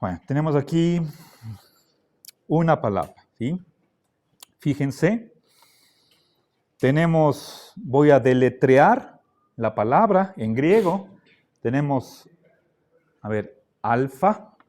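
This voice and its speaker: A middle-aged man gives a classroom lecture, his voice sitting a little high. He talks very slowly and patiently. He keeps pausing to check that the students are following. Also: lively intonation, a little mellow. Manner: slow, patient, checks in with frequent "¿sí?" and "¿ya?". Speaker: philosophy teacher.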